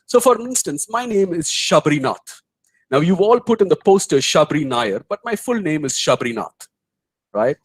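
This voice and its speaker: Indian English man, guest speaker, bright and bouncy intonation, dry close sound. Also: high voice, dry recording, poor audio. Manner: storytelling, animated, mimics voices in anecdotes. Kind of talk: webinar talk answering questions.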